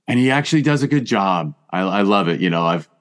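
A man's voice: on the low side, expressive, brisk, fairly bright tone, smooth. A man hosting a podcast in a casual, conversational interview style. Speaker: podcast host.

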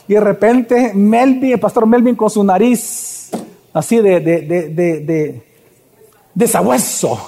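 A man's voice: high-pitched, slow pace, vocal fry, dark tone, in a large hall, a little hiss or hum. A man preaching a sermon as pastor, addressing the congregation with rhetorical questions.

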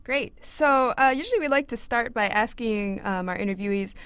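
A woman's voice: on the high side, normal speed, a bit bright, smooth, dry recording. A woman in her twenties hosting a science interview, asking questions with frequent "um" and "uh" fillers. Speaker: interview host, graduate student. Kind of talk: scripted intro then interview questions. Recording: dry close mic with faint music.

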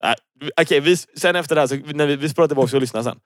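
A man's voice: a little high, no echo, studio quality. A man co-hosting a casual rant podcast, teasing his partner, cutting in and swearing freely. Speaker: podcast co-host.

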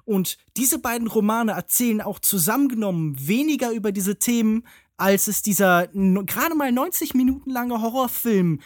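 A man's voice: sits high, lively intonation, moderate pace, no room sound. Articulate male film critic, close dry sound. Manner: intellectual, elaborate phrasing. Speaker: film podcast panelist. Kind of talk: analytical film discussion.

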